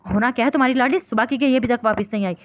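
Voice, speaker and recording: A spiteful middle-aged aunt scolds the family, as a woman reader voices her. The voice is a little high, with a dull, dry recording. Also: no echo, close to an everyday voice. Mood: scolding. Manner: scolding, taunting.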